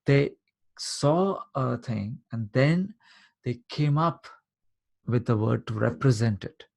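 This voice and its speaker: A man with a husky, slightly breathy voice leads a live coaching session over a video call. He explains step by step, circles back to repeat his key points, and keeps checking that his listener is following. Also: mid-range voice, lively intonation, slow, darkish tone. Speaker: life coach.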